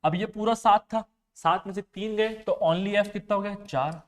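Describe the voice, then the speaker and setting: A man's voice: sits high, normal speed. A man teaching a maths and reasoning lesson for exam preparation, explaining step by step and checking often whether his students have understood. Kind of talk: exam-prep classroom lecture.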